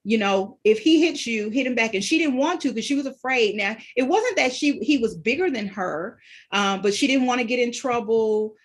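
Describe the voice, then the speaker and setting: Higher-voiced woman telling a story. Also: animated, moderate pace. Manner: retells events with acted-out quotes, many "you know" fillers. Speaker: radio show host. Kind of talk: casual conversational storytelling.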